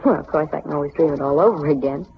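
A woman's voice: low voice, very fast, creaky, slight background noise. An actress playing an earnest, dreamy young woman with homespun, folksy speech in a 1940s radio drama. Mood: wistful. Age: young adult. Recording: dull 1940s radio recording.

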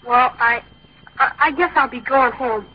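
A woman plays an awkward, earnest young teenage boy in a vintage radio comedy. The voice is high, hesitant and stammering, and the sound is dull and lo-fi. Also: unhurried, slightly rough. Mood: bashful. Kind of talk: old-time radio comedy acting. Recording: dull lo-fi old radio recording.

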